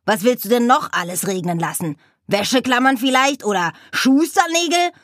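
A woman voicing a cranky know-it-all male raven who scolds in a shrill, squawking way. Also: lively intonation, moderate pace, a bit bright, no echo, clean studio sound. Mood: scolding.

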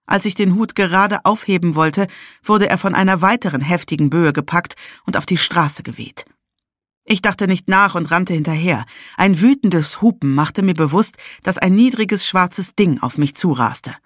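A woman's voice: lowish voice, normal speed, dry recording, studio quality. Woman narrating a first-person audiobook.

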